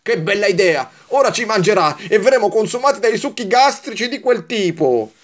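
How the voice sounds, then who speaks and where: A man doing a whiny little candy, high and tearful. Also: expressive, moderate pace. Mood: sulky. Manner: complaining, tearful and sulky. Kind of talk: children's storybook reading.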